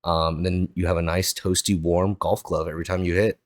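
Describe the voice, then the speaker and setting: A man with a very low voice hosts a golf podcast. He chats casually and upbeat, with plenty of fillers. The sound is dry and close. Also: level tone, fairly quick, no room sound. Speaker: podcast host.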